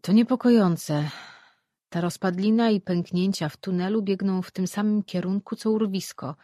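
A quiet, murmuring male scholar, as the narrator voices him. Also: normal speed, no echo, studio quality, close to an everyday voice. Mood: uneasy. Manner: murmured, low remarks.

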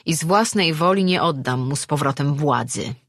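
A narrator voicing an anguished young man in a fantasy audiobook. He pleads and accuses by turns, his voice slightly husky and close, with no room around it. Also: mid-range voice, expressive, normal speed, dry recording. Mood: calm. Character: desperate young man who is a created being. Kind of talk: audiobook reading.

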